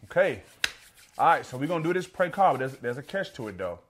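A man's voice: fairly high pitch, sing-song, quick pace, background noise. A man from Texas with a Texan accent, hosting a podcast in casual, slangy banter. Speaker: podcast host. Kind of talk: casual chat.

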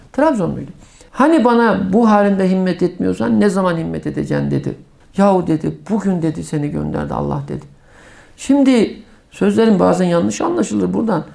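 A middle-aged male preacher with a gravelly, creaky voice. He tells stories in a sermon, his voice jumping up into sharp, high exclamations for emphasis.

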